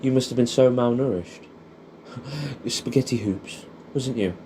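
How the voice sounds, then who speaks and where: A young Englishman, an audio creator, reminisces warmly as though talking to an old mate, his voice soft, mellow and mid-range at a measured pace. He rambles nostalgically, swears freely, and keeps tagging his statements with little questions. Faint noise sits behind him.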